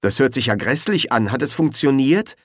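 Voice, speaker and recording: A man's voice: medium pitch, expressive, moderate pace, no room sound, studio quality, voice pushed up, lightly acted. A man voicing an easygoing young male actor who stammers and hedges. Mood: hesitant. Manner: stammering and casual.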